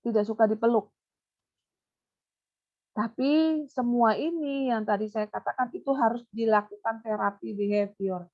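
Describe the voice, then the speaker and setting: A woman consultant and behaviour therapist giving an animated webinar talk, now and then putting on a high coaxing voice to show how to talk to a child. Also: moderate pace, long pauses. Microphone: webinar computer mic. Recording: muffled online webinar audio.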